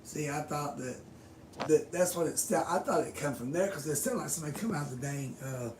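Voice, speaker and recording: Greeting live viewers from her bedroom, a hoarse middle-aged woman who has lost her voice rambles casually, peppering her chat with swearing and occasional whispers. She talks fairly quickly in a deep voice against background noise.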